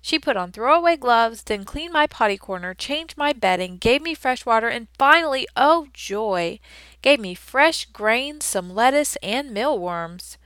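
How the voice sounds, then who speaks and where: Woman narrator for kids' audiobook, expressive and playful, crisp bright tone, dry studio sound. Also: on the high side, a little slow, no room sound. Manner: expressive, playful storytelling with lively emphasis. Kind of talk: first-person children's audiobook narration, as a classroom hamster.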